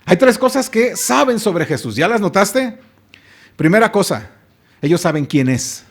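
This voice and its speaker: A male pastor delivers a sermon in a rather high voice. He preaches with emphasis, often pausing to ask his listeners rhetorical questions and addressing them warmly as brothers. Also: sing-song.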